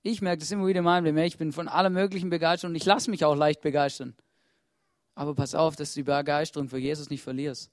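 A man's voice: on the high side, level tone, fast, dry recording, studio quality. A man preaching a sermon from a church stage, earnest and urging, putting questions to the congregation and often starting with "hey". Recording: soft guitar music playing behind.

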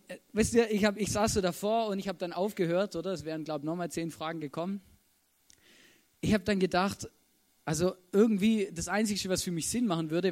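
A man's voice: sits high, darkish tone. A man preaching a casual sermon, chatty and often checking in with the audience. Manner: chatty, keeps asking "oder?".

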